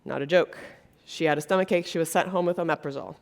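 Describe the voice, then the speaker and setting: A woman's voice: sits low, fast, creaky. A woman from Brazil giving a conference keynote on stage, talking earnestly and conversationally with frequent fillers. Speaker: keynote speaker. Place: conference stage before an audience.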